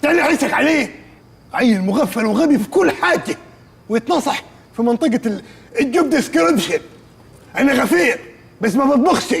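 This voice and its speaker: An actor playing a bossy, sarcastic village head in a sitcom, scolding and insulting with an Upper Egyptian accent. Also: male voice, sits high, gravelly, husky, exaggerated voice. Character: bossy loud male village head, mocking. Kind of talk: sitcom acting.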